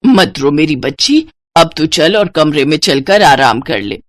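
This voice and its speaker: A woman's voice: expressive, moderate pace, fairly bright tone, dry recording, studio quality. A woman voicing a stern middle-aged mother-in-law who scolds her daughter-in-law. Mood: scolding. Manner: scolding, low and heavy.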